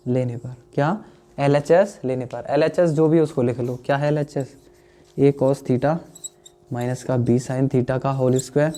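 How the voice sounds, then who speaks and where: A man's voice: medium pitch, warm tone. A young man, teaching a maths lesson in a chatty way, often checking whether students understood. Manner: chatty, addresses students as "dear friends", asks "understood or not?". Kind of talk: classroom lesson explaining solutions.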